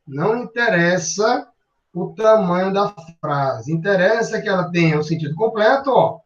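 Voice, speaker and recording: A man's voice: sits high, lively intonation, normal speed. A man with a Brazilian Portuguese accent teaching a grammar lesson, emphatic and drawn out, with frequent tag words. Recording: roomy, distant, dull lo-fi sound.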